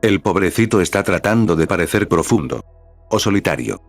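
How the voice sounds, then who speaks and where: Guy doing a deep-voiced professor, dry and teasing, close dry recording. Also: expressive, brisk, no room sound, faint music behind. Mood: wry. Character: wry, unbothered young male professor.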